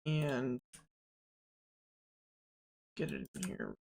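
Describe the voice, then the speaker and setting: This young game developer, in their twenties, streams live and narrates their own work in a loose, joking, rambling way, full of fillers and asides. The voice is gravelly and fry-heavy at a middle pitch, very slow and darkish, with huge pitch swings and a little hiss or hum.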